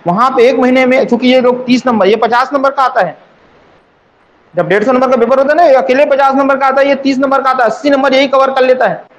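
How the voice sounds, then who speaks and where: Man, coaching teacher, very high voice, repeats points, rhetorical questions. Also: dull audio. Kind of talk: exam coaching class.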